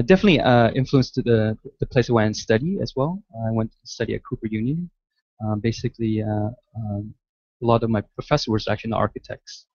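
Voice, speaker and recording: A man's voice: medium pitch, a little mellow, no room sound. Hesitant man answering questions, dull lo-fi sound. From Malaysia, raised in the United States. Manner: hesitant, many restarts and fillers. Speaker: guest architect lecturer. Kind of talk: answering audience questions at a lecture. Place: large lecture hall.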